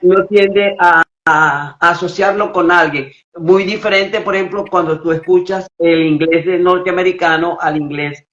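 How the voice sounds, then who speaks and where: A woman's voice: fairly low pitch, fairly even intonation, moderate pace, fairly bright tone. Venezuelan woman host, casual storyteller, stumbles and restarts, lo-fi roomy audio. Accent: Venezuelan, Maracaibo. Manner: chatty, anecdotal, restarts words. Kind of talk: live-stream conversation.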